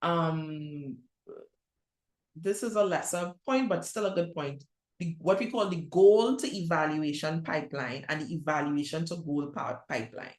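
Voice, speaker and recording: A middle-aged woman from Trinidad and Tobago, speaking with a Trinidadian accent, gives a conference presentation on youth ministry. Her voice is deep and darkish, unhurried and reverberant, and she talks directly and conversationally, restarting sentences and posing rhetorical questions.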